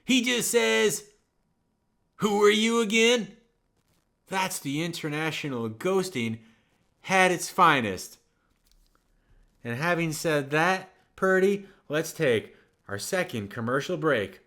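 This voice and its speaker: A man's voice: fairly high pitch, lively intonation, takes it slowly, pushed and bright. A man hosting a comedy show, bantering wryly with a sidekick and cutting to breaks.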